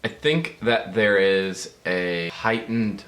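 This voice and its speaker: A young man chatting casually as the host's fiancé, relaxed and joking, a little halting. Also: lowish voice. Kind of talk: casual chat. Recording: roomy echo.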